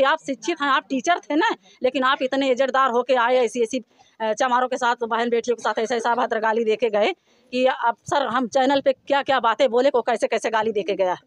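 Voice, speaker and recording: A woman's voice: sits high, fairly bright tone, no room sound. A woman from the village making an impassioned, indignant complaint to a reporter, calling him sir. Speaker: villager interviewee.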